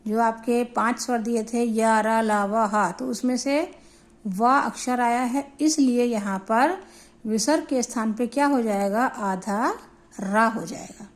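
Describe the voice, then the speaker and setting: Slow, high-voiced woman teaching Hindi grammar. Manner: slow, deliberate, spells out syllables. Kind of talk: classroom grammar lesson.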